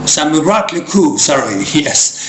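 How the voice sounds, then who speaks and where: This American man from the United States has a fairly high voice with big swings in pitch. He jokes his way through a rambling monologue to camera in slow, faltering French blended with English, referring to himself in the third person, in a roomy, echoing space with clear background noise.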